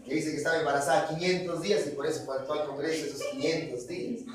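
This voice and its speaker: A man's voice: on the high side, steady tone, fast talker, crowd noise. A man retelling a novel as a casual lesson, dramatic and dropping joking asides. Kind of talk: casual storytelling summary with jokes. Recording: echoey room, far from mic.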